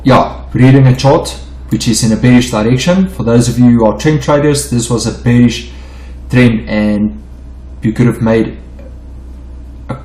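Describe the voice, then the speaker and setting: In a rough, low-quality recording from an echoey room, a middle-aged forex teacher from South Africa, a first-language Afrikaans speaker, explains charts over an unedited screen share. His mid-range voice has a darkish tone, and he trips over words and repeats himself.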